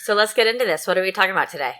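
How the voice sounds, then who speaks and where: A woman's voice: mid-range voice, expressive, rapid-fire, pushed and bright. A woman co-hosting a casual podcast chat, sleepy and yawning, with playful teasing banter. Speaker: podcast co-host.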